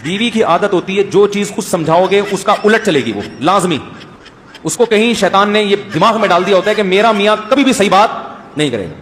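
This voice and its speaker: A man's voice: high voice, moderate pace, a little hiss or hum. A man giving a humorous religious talk, telling anecdotes and acting out the voices of the people in them. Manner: animated storytelling, acts out voices. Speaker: religious speaker. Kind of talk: humorous sermon.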